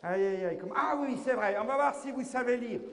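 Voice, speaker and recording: High-pitched older man, silly clown in echoey hall. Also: brisk, a bit bright. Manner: silly clown, exclamatory, playfully muddled. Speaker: clown entertainer at a children's show. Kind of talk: live children's clown show, addressing the audience. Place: large school hall, on stage. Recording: echoey hall, children's crowd noise.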